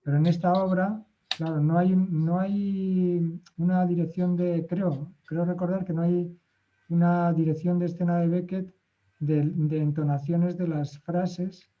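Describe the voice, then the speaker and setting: A man's voice: sits high, little pitch movement, unhurried, dull audio. A man talking in a casual group discussion, hesitant, with many fillers and restarts.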